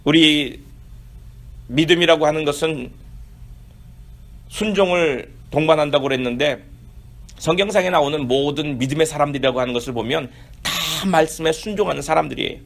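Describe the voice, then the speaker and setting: A man's voice: fairly high pitch, brisk, vocal fry, long pauses. A middle-aged man preaching a sermon as pastor, building emphasis on key points and acting out quoted questions.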